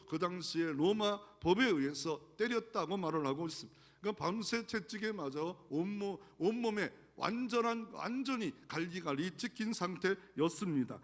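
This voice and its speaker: A man pastor delivering an earnest sermon, asking the congregation rhetorical questions. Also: sits high. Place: large church sanctuary. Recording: long church hall reverb.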